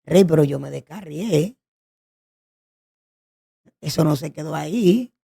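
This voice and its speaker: A woman's voice: sits low, animated, slow pace, vocal fry, warm tone, slightly rough. A woman sharing an emotional personal testimony as a guest, telling her story in an earnest, pleading way.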